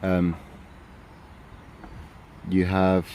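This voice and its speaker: Man, low-pitched, rambling and filler-heavy; outdoor phone vlog with faint street noise. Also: completely flat delivery, extremely slow, a little mellow. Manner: rambling, filler-heavy, tags lines with "innit, yeah?". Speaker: vlogger. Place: outdoors in an urban area. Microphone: handheld phone camera.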